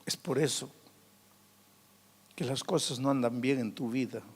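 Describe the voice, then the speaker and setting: A male pastor preaching a dramatic sermon, swinging from loud outbursts to hushed, soft passages. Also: medium pitch, a little slow, slightly rough. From Peru. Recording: long hall reverb.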